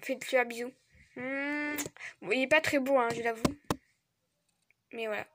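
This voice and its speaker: A young woman chatting casually as she opens trading card packs, stammering and gushing like an excited fan. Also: high-pitched, moderate pace, background noise. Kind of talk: casual unboxing vlog chat.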